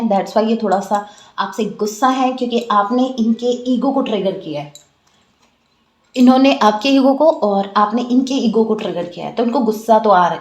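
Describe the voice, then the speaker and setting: A woman's voice: mid-range voice, roomy sound. An Indian woman doing a casual tarot reading, chatting to viewers with a slightly sore throat. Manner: chatty, animated, addresses viewers as guys. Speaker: tarot reader.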